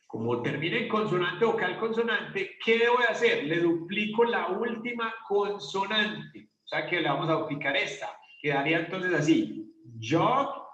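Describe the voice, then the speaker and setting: A man's voice: sits high, a bit bright. Guy teaching english grammar, asks himself questions then answers, dull muffled sound. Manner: explains step by step, asks and answers his own questions. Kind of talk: classroom grammar lesson. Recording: roomy, distant, dull classroom recording.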